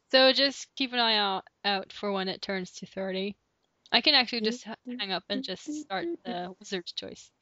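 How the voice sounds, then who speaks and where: A woman's voice: mid-range voice, moderate pace, bright, forceful tone, dry recording. A young woman co-hosting a podcast over an online call, chatting in a giggly, rambling way with many restarts. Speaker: podcast co-host. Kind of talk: casual chat. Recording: dull lo-fi call audio.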